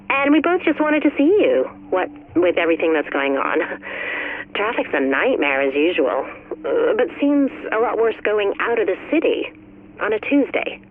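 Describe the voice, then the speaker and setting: A chatty mom on voicemail. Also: female voice, fairly low pitch. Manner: chatty, laughing. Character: cheerful mother on a voicemail. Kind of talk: game audio log. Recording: tinny phone-line recording.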